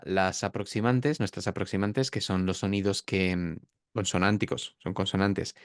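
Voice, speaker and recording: As an interview guest, a pronunciation teacher gives explanatory talk on pronunciation, drawing out words to demonstrate sounds. His low voice is clear and resonant. The recording is dry and studio quality.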